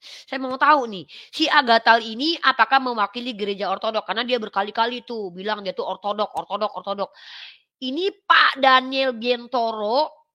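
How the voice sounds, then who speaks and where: A young adult woman casually talking on a livestream, animated and quoting others as she goes. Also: on the high side, moderate pace. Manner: animated, quotes others in acted voices. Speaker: live streamer commenting on religious controversy.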